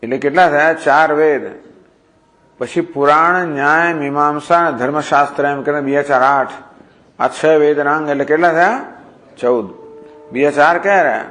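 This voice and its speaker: A man's voice: fairly high pitch, moderate pace, fairly bright tone. A man giving a scripture discourse, reciting Sanskrit verses and then explaining them point by point, asking questions and answering them himself. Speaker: scripture teacher.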